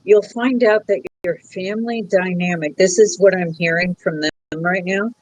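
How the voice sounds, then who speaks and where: A woman hosting a psychic podcast, giving a frank, emphatic reading to a caller and scolding him gently. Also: fairly low pitch, steady tone, normal speed, a little hiss or hum, rough recording. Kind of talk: casual live call-in reading. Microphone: phone app recording.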